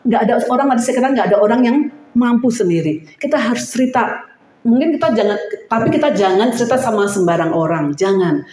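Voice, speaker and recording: A woman preacher giving a sermon to a women's fellowship, animated, acting out prayers and drawing replies from the congregation. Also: fairly high pitch, fast. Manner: animated, acts out prayers and crying voices; call-and-response with the congregation. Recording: echoey room.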